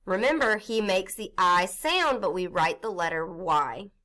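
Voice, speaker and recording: A woman's voice: medium pitch, measured pace, pushed and bright. A woman teaching a recorded phonics lesson to young children, patiently sounding out letters step by step and reading a storybook aloud in an encouraging way.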